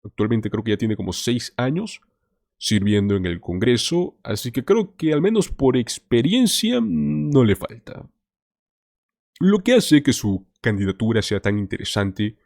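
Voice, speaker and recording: Speaking emphatically from a script, this political commentary host calls his audience "señores." His mid-range voice has a darkish tone, captured in a dry, studio-quality recording.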